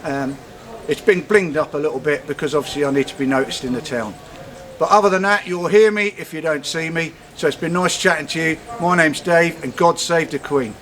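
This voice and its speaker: Chatty man, higher-pitched voice. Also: fairly quick, music in the background. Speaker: town crier. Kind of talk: informal explanatory chat. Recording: light background noise.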